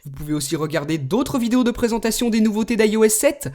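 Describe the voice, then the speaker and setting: A man hosting a tech video, explaining a phone's features in a relaxed way and speaking commands to it. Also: high-pitched, fast talker. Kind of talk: screen demo tutorial.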